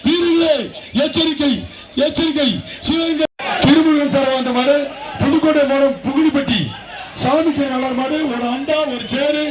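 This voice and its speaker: A man announcing a live bull-taming event through a megaphone or loudspeaker, with loud, rapid calls and repeated phrases. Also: extremely high pitch, fairly even intonation. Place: outdoor bull-taming arena with crowd. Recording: echoing loudspeaker outdoors, crowd noise.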